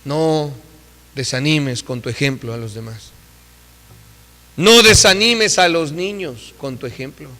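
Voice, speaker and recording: A man preaching a sermon in a church, emphatic and acting out the voices he quotes, swinging from loud to soft. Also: fairly high pitch, slow, long pauses, in a large hall.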